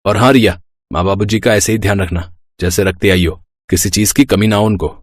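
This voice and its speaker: A man's voice: fairly low pitch, steady tone, brisk, no echo, studio quality, lightly acted. A man voicing an easygoing young husband in a storybook tale, casual and coaxing. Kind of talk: storybook voice acting.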